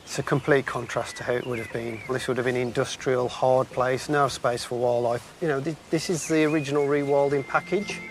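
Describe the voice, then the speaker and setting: A man's voice: medium pitch, steady tone, brisk, few pauses, a little hiss or hum. A man speaking informally as an expert interviewee, explaining things outdoors on location. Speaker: ecologist interviewee. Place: outdoors on a canal.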